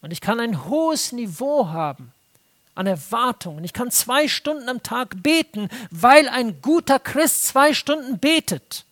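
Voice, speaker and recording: Earnest preacher, loud then hushed. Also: big pitch swings, a little slow. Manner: swings between raised emphatic passages and hushed low intense ones; earnest and exhorting, with repeated phrases for emphasis. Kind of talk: sermon.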